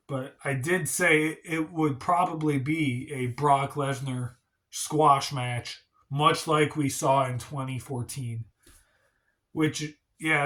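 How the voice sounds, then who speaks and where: A man hosts a casual wrestling review vlog, rambling and hedging as he talks, sounding congested and stuffy from a cold. His voice is on the high side, bright and forceful.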